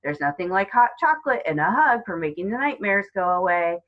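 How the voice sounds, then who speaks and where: Loud chummy storybook policeman, patronizing, booming, gruff, as a woman reads him, dull lo-fi sound. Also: expressive, a little fast, close to an everyday voice. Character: gruff, jovial grown man, a police officer. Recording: dull lo-fi recording.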